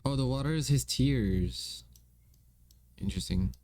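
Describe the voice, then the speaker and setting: A man's voice: medium pitch, a little slow, darkish tone, no room sound. A young man streaming, chatting casually and playfully to himself and his viewers while gaming and drawing. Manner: playful, rambling, talks to himself and chat.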